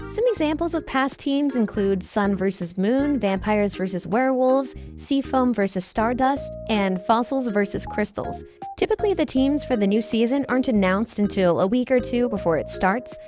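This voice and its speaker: A woman's voice: a little high, a little mellow. A young woman with her voice run through a voice changer, giving casual, unscripted, self-deprecating video commentary in an informal way. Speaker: host, hobby artist.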